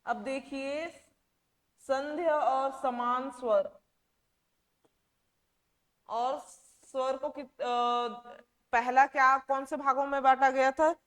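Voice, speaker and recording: Slow-talking high-voiced woman teacher. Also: steady tone, a bit bright, big-room sound. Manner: repeats questions to the class and stretches words slowly. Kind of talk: classroom lecture.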